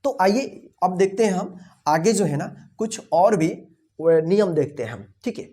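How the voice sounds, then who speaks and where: A man's voice: high voice, animated, unhurried, dark tone. A male English teacher giving an online phonics lesson, spelling words letter by letter and checking in with "theek hai na" after almost every point. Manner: asks rhetorical questions, repeats "theek hai na" often.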